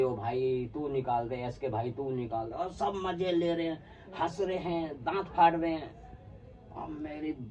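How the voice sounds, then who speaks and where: A man's voice: fairly high pitch, a little hiss or hum. Man telling a story, muffled distant mic. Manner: animated, acts out quoted friends. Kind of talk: casual anecdote telling.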